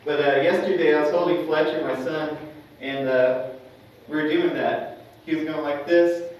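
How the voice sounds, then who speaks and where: In a church classroom, a young man teaches a Sunday school class conversationally, often checking that the class agrees. His voice is a little high and a little mellow, steady in tone and at a moderate pace. The room is echoey, and the mic is at a distance.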